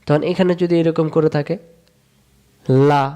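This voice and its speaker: A man leads a patient reading lesson, his voice sitting a little high. He repeats each rule in a sing-song chant and stretches the syllables out slowly so learners can follow. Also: flat delivery, warm tone. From Bangladesh. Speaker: Quran reading teacher. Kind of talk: step-by-step recitation lesson.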